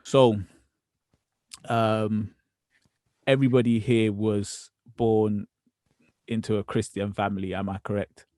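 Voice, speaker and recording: A man in his twenties hosting a casual podcast chat, relaxed and easygoing, with frequent ums. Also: on the low side, takes it slowly, long pauses, no echo. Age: 20s. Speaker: podcast host.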